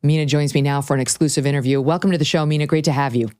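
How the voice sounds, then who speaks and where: A woman hosting an interview show, reading ads and asking brisk, direct questions. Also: deep voice, fairly even intonation, a little mellow, no echo, studio quality. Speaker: host.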